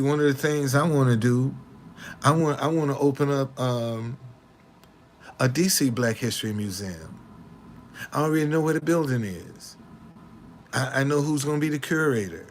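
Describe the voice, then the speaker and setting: This sixty-something man talks to the camera in a loose, streetwise way, full of swagger and slang, firing back animated, indignant retorts and saying things over again. His pitch is mid-range, and there's a slight hiss or hum.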